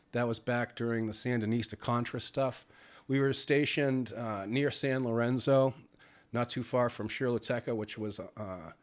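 A middle-aged man, sounding congested from a cold, talking in a rambling, conversational vlog style with plenty of filler words. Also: mid-range voice. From United States. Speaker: vlogger. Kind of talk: casual vlog chat.

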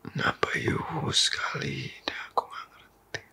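In this comforting boyfriend ASMR roleplay, the man's delivery is a little slow as he whispers softly and intimately. He coaxes and teases, laughing quietly and slipping English words into his casual speech.

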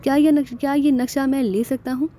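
A man's voice: extremely high pitch, steady tone, a little fast, mellow. A woman voicing a clever male secret agent who asks questions in a polite, innocent-seeming way. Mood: inquisitive.

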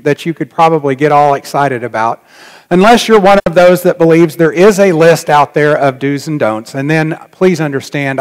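Middle-aged guy preaching, reflective and earnest, kinda high voice, echoing big church hall. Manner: earnest, reflective, drops to near-whisper on key points. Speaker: pastor. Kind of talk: sermon. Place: large church sanctuary. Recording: long reverb of a church hall.

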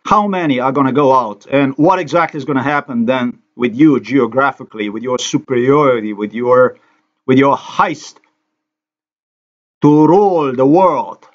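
Slovenian guy ranting over a screen recording, kinda dull lo-fi sound, mid pitch. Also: normal speed. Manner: ranting, accusatory, repetitive.

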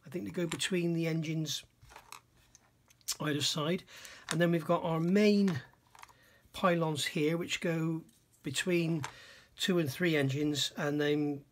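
At an indoor workbench, a middle-aged man reviews a scale model kit casually and hands-on, thinking aloud, often questioning himself, musing and admiring. His voice sits on the high side with a steady tone and a slow pace, and there's a little hiss or hum in the recording.

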